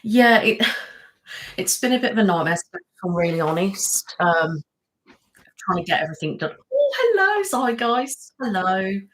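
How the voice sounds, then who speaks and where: Speaking at medium pitch with a sing-song, fairly bright voice, a little slowly, this young woman hosts an ASMR channel's casual live-stream chat over a rough recording. She chattily greets and thanks viewers by name, leans on "um" and "literally," and talks about how exhausted the house move has left her.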